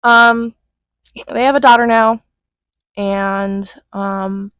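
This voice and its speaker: A young woman recapping a movie in casual, flippant commentary, acting out lines in quick put-on voices. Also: a little high, fairly even intonation, fairly bright tone, clean tone, dry recording, rough recording. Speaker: movie reviewer.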